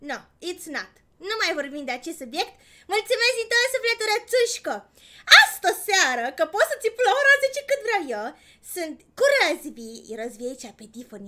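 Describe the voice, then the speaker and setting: Woman streamer, squeaky-high and sharp-toned, gushing and excitable with chat. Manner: excitable, swings between loud outbursts and quiet murmurs; gushing thanks to donors. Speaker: live streamer. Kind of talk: casual live-stream chat with viewers.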